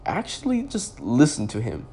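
A man's voice: a little high, huge pitch swings, normal speed, dark tone, slight background noise. A young man in his twenties, a podcast host, telling a personal story in a loose, rambling way full of "like" and restarts. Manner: rambling, heavy use of "like" and restarts.

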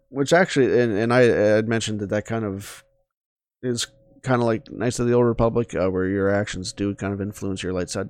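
Deep-voiced guy chatting on a podcast, lots of ums and you-knows, dry sound. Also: darkish tone, no room sound. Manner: rambling, many fillers and restarts. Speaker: podcast co-host. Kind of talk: casual chat.

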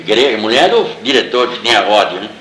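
A man's voice: on the low side, brisk, a little hiss or hum. An older man from Brazil with a Brazilian Portuguese accent, a filmmaker telling an anecdote and acting out the people he quotes. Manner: animated, acts out the people he quotes. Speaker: filmmaker interviewee. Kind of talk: storytelling anecdote. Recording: roomy with faint ambience.

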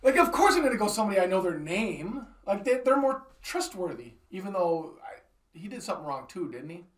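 A man's voice: high voice, big pitch swings, fairly quick. A man on a comedy podcast, bantering casually in a profane, joking way. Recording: roomy, distant from the mic.

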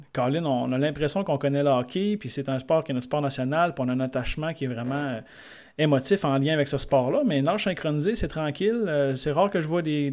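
A man with a Québécois accent, a sports coach telling anecdotes in a conversation and acting out the people in them. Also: a little high. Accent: Québécois French. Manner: lively storyteller who acts out the people in his stories. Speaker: sports coach and guest speaker.

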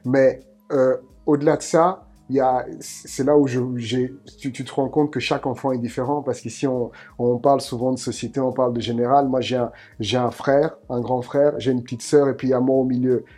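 Husky, mellow-voiced man, earnest. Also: mid-range voice, steady tone, brisk, hardly any pauses, faint music behind. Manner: earnest, many restarts and repeated words. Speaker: podcast co-host. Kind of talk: reflective podcast talk.

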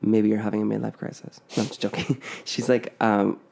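A man's voice: fairly low pitch, little pitch movement, a little fast, creaky, a little mellow. A man co-hosting a podcast, telling a spooky family story in a casual, rambling way full of fillers and restarts. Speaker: podcast co-host.

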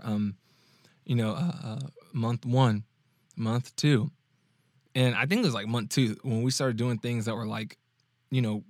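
A man hosting a podcast, telling a personal story in a casual, animated way, laughing often and restarting his sentences. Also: medium pitch, no echo, studio quality. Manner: animated, laughs often, frequent restarts and check-ins with the listener. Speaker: podcast host and dating coach.

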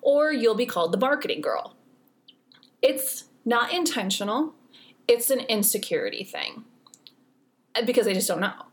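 A woman's voice: on the high side, animated, normal speed, pauses often. Chatty woman in her forties, dry humor. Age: 40s. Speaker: podcast host. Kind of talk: casual advice monologue.

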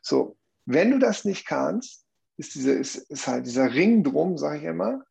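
A man's voice: fairly high pitch, very animated, unhurried, vocal fry, darkish tone, slightly rough. A man explaining a view earnestly in conversation, often checking in with tag questions.

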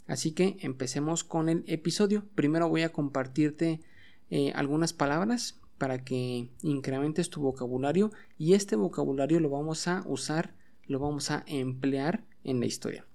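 A man with a fairly high, mellow voice and some vocal fry speaks at normal speed. An English teacher and podcast host, he runs a bilingual lesson from home, patiently drilling words and having listeners repeat them.

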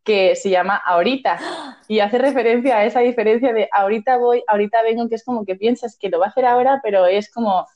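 A woman's voice: on the high side, fast talker, highs cut off. A woman from Spain with a Spanish accent, co-hosting a casual podcast chat and laughing often as she tells stories. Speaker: podcast co-host.

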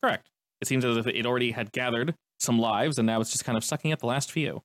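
A man runs a tabletop roleplaying game, narrating scenes at a brisk clip. His delivery is conversational and descriptive, and he explains as he goes. The sound is dry and close, with little room to it. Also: medium pitch, no echo. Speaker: game master.

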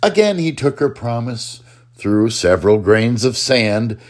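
A man performing a rhyming spoken-word poem in a slow, rhythmic delivery. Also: medium pitch, sing-song. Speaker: poet. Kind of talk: spoken-word poetry recitation.

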